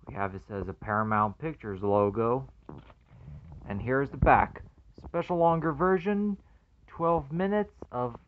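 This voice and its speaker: A man unboxing a movie collection in casual commentary, earnestly excited, reading the labels aloud and calling each one very amazing. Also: mid-range voice, phone-quality sound, slight background noise.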